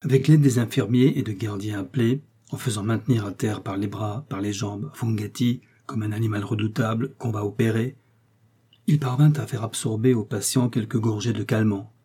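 Mellow husky male audiobook narrator. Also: fairly low pitch, fairly even intonation, normal speed. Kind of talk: scripted narration of a novel.

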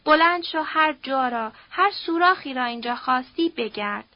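A woman voicing an earnest young man who pleads in a measured, soft-spoken way. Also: high voice, expressive, no room sound. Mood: persuasive. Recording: dull dry audiobook recording.

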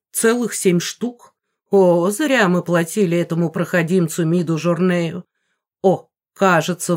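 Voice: medium pitch, a little mellow, close to an everyday voice. A reader voicing a fussy, scheming middle-aged mother bent on marrying off her daughters, theatrical and bossy. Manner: theatrical, bossy, hissing when whispering.

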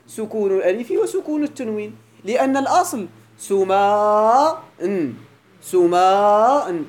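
A man with a Moroccan accent teaching grammar in a classroom lecture. He keeps checking that his students follow and repeats example words slowly for emphasis. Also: sits high, darkish tone. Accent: Moroccan Arabic.

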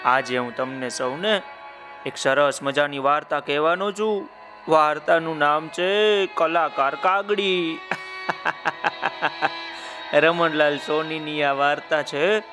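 A man telling a children's story, warmly addressing young listeners by name and adding asides. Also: a little high.

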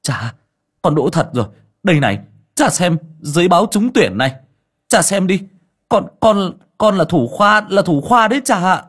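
A man's voice: high voice, lively intonation, moderate pace, a bit bright, breathy edge, voice pushed up, full character voice. A man voicing an eager young male student who stammers with emotion. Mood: overjoyed.

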